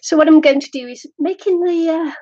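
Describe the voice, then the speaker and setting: An older woman from the Welsh borders streams a relaxed zine-making tutorial, chatting and rambling in a self-deprecating way and laughing often. Her voice is high and mellow, a little fast, and the recording sounds muffled.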